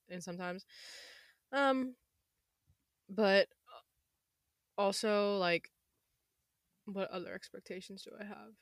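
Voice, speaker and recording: A twenty-year-old woman with a slightly hoarse voice, chatting casually in a rambling, self-interrupting way. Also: on the low side, dry recording, clean studio sound. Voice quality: slightly hoarse, losing her voice. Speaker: podcast host. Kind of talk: casual chat.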